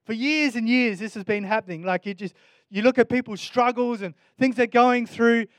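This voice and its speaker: A man's voice: extremely high pitch, normal speed, no room sound. A male pastor giving a sermon in an earnest, conversational way, often restarting his sentences.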